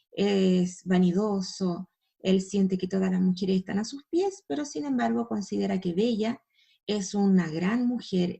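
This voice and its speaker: Gravelly-voiced woman teacher explaining a lesson. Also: medium pitch, warm tone. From Chile. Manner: explanatory, asks students to look at images. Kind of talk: recorded class lesson.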